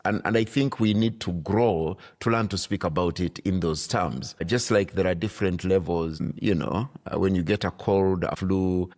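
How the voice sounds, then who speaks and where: A man from Uganda with a low, deep voice. He talks like a bishop being interviewed on a podcast, slow to choose his words and weighing each thought as he goes. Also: a little mellow. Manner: thoughtful, deliberate, searching for words. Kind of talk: reflective conversation.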